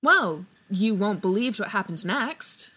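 A woman voicing a cheerful male hobbit storyteller in an amateur audio reading, eager and quick to defend himself. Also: mid-range voice, lively intonation, sharp tone, husky, heavily acted. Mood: persuasive.

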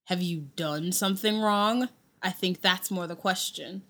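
A woman voicing a big gentle giant. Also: lowish voice, a little slow. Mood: challenging. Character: huge bearded gentle male half-giant traveler. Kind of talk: amateur audio drama reading.

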